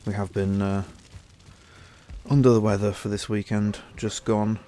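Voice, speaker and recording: Unhurried and mellow, the young man's voice sits on the low side with a level tone. He hosts a gaming channel and, nose blocked from a cold, chats easily through casual gameplay commentary, thinking out loud.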